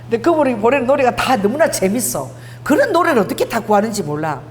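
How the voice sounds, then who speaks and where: A woman's voice: a little high, big pitch swings, quick pace. A middle-aged woman pastor preaching a conversational sermon, telling personal stories and acting out the dialogue. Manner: conversational, mixes casual and polite speech, acts out dialogue. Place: church prayer hall. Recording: long hall reverb, faint hum.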